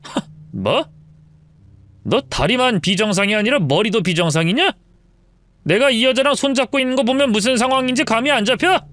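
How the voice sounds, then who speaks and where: A woman doing a low sneering cheating husband. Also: expressive, moderate pace, a bit bright. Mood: scornful. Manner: sneering, insulting. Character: cruel cheating husband, contemptuous, middle-aged.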